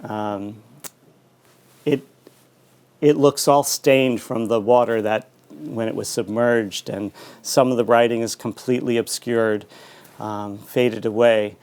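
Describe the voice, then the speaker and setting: A middle-aged man giving a conversational author talk in a reflective, halting, anecdotal way. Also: mid-range voice, fairly even intonation, darkish tone. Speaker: author and school teacher giving a book talk.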